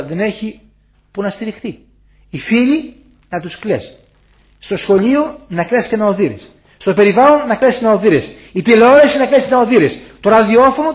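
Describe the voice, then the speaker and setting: Visitors in a monastery guest room hear an old monk's fervent spiritual talk. His voice sits high, swinging from loud cautions to whispered remarks.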